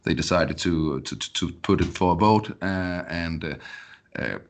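A Danish man appears as a podcast guest in Colorado, his low voice moving a little slowly. In this casual interview talk he chats loosely, often repeating words as he restarts sentences.

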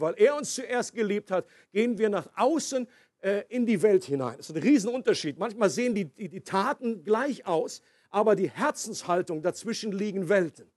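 A man's voice: high-pitched, a little mellow, husky, dry recording, studio quality. A man preaching a sermon earnestly, his intensity rising when he quotes, with an occasional stumble. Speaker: pastor.

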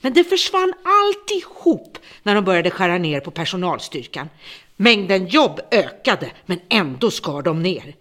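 For a radio drama, an actress plays a worn-out middle-aged woman, a former home care worker turned bitter, vengeful captor holding someone prisoner. In a fairly low, sing-song voice, she delivers a brooding, resentful monologue of bitter lament that turns to hushed menace.

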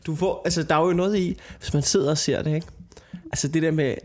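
Chatty man spinning rambling anecdotes. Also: a little high. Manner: rambling storyteller, lots of "ikke?" tags; laughs often, gets loud and excited. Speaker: podcast co-host. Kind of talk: casual chat.

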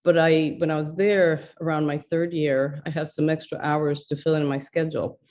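A woman's voice: deep voice, little pitch movement, normal speed, darkish tone. A middle-aged woman from Ecuador, a neuroscientist, speaking thoughtfully in an interview with many fillers and restarts. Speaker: neuroscientist guest.

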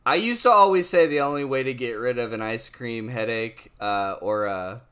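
A man's voice: medium pitch, moderate pace, a bit bright, smooth. A young man co-hosting a football podcast, chatting in a wry, joking way. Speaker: podcast co-host. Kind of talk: casual chat.

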